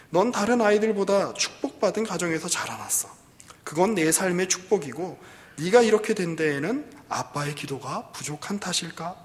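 A man's voice: high-pitched, pitched above the performer's own voice. A man voicing a stern, bewildered pastor father who scolds his daughter, in a reverberant hall. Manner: scolding, reproachful.

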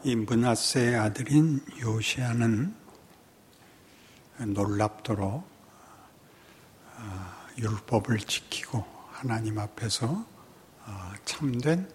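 Slow, halting Korean pastor preaching. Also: male voice, lowish voice, a little hiss or hum. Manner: slow, halting delivery with many pauses and fillers, sudden emphatic rises. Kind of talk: sermon.

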